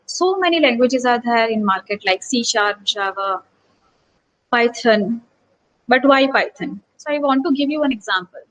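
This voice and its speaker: A woman from Gujarat, India, an associate professor, gives an online workshop lecture in an earnest, teacherly way, posing rhetorical questions to her listeners. Her voice sits on the high side and sounds a bit bright, with lively intonation and a moderate pace. The recording quality is low.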